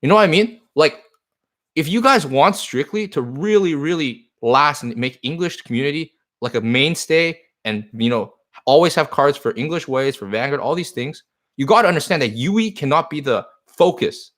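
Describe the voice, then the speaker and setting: Slightly high and expressive, a bit bright, at a normal pace, this man runs a card shop and speaks Chinese natively. He replies to live stream comments earnestly, wandering off topic and repeating himself.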